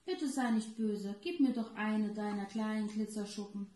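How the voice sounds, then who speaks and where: A woman's voice: medium pitch, moderate pace, mellow, lightly acted. A woman voicing a small, timid young male fish in a children's storybook reading, pleading and eager. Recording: roomy echo.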